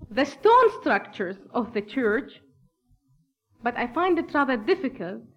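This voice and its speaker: This high-pitched woman, an Arabic speaker from Bethlehem, Palestine, addresses a church gathering in accented English. Her formal speech is earnest and measured, captured with lo-fi sound.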